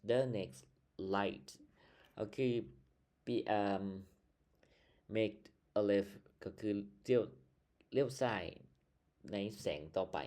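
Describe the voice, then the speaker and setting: Slow, dark-voiced Lao man teaching. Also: on the low side, clear, resonant tone. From Laos. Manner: spells words out letter by letter. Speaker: English teacher. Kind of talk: casual lesson explanation. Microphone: built-in computer microphone.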